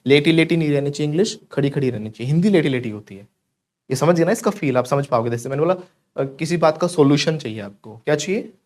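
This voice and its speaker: A man's voice: fairly high pitch, lively intonation, fast talker, darkish tone. A man with an Indian accent teaching a live spoken English class, joking playfully and repeating words over and over as drills.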